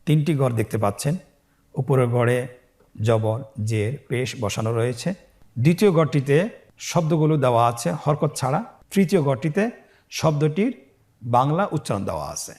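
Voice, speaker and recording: A man teaching Quran reading in a recorded lesson, slowly spelling out syllables and calmly guiding learners. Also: mid-range voice. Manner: slow, drawn-out syllable-by-syllable spelling drills; calm, patient instructing tone.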